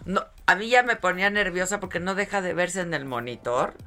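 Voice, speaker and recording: A Mexican woman co-hosting a show, chatting casually in animated, slangy banter. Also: lowish voice, brisk. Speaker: co-host. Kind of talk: casual chat.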